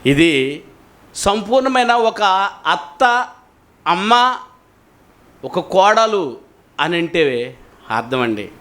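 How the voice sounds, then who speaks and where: A male pastor preaching a sermon in an animated way, often putting questions to his congregation. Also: high-pitched. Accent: Telugu.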